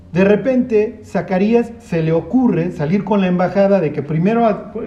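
A man leads a relaxed Bible study. His voice sits high yet sounds warm and soft-edged. He keeps throwing rhetorical questions at the group. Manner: lively, asks rhetorical questions, acts out voices. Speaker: Bible teacher. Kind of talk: conversational Bible study teaching.

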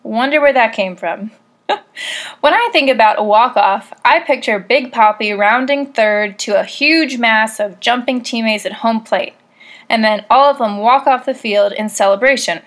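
A woman with a slightly higher voice talks her way through a prepared monologue. She is chatty and wry, and pokes fun at herself as she goes. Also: moderate pace, a bit bright. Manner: wry, self-deprecating, chatty. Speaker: podcast host. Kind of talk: casual scripted monologue.

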